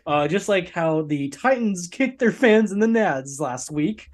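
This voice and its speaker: A man's voice: high voice, lively intonation, measured pace. A man co-hosting a casual football prediction chat, laid-back with dry humor and lots of hesitant fillers. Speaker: podcast co-host.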